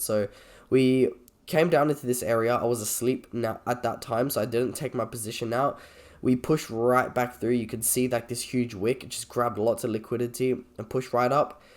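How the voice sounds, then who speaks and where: A man with a croaky, slightly sick voice, talking informally and a little hesitantly as he reviews trades on a screen recording. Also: medium pitch. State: sick with a cold or cough. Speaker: trader presenting a video.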